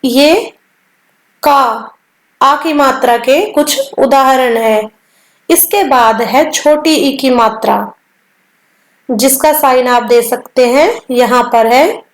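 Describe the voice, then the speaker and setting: A woman teaching the Hindi vowel signs in a slow lesson, saying each sound clearly and then repeating it. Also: sits high, roomy sound, low-quality recording.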